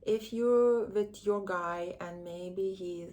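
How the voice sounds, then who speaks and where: Slow-talking woman coach. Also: medium pitch, mellow. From Lithuania. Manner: earnest, chatty, candid with personal stories. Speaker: relationship coach. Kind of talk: direct-to-camera advice vlog.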